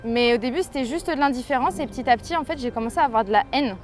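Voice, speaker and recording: This French woman in her twenties delivers a hesitant, earnest faith testimony to the camera, reflecting as she tells her story. Her high voice comes out in rapid-fire bursts, with faint music behind her.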